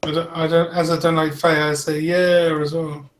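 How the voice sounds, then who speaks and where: A man's voice: fairly high pitch, level tone, normal speed. A man playing his character in a tabletop roleplaying game, speaking in a matter-of-fact way. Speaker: player.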